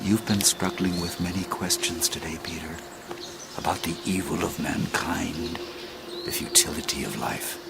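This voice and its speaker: A deep, creaky male voice belongs to an actor playing a wise old sage and former schoolmaster, narrating an audio drama in a stately, deliberate, theatrical style. His mood is coaxing and mysterious. The recording is very noisy, with a loud music bed under the voice.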